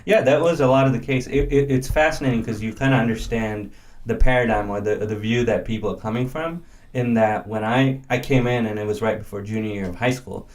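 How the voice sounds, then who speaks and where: A man's voice: medium pitch, fairly quick, a little mellow. A man in his early thirties who grew up in India, speaking as a guest in a casual conversation and thinking aloud with many fillers and restarts. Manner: thoughtful, with frequent fillers and restarts. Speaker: interview guest.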